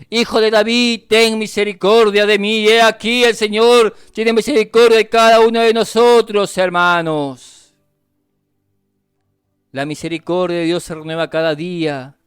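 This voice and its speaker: A man's voice: high voice, a bit bright, smooth, no echo, studio quality. A male deacon from Argentina preaching a fervent radio sermon, constantly calling his listeners brothers and repeating his phrases. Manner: repetitive, restates phrases.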